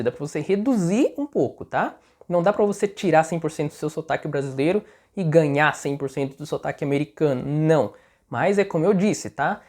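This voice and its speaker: A woman's voice: mid-range voice, darkish tone. A woman with a Brazilian Portuguese accent giving a casual English lesson on video. She talks in a chatty way and keeps checking in with the listener. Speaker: English teacher.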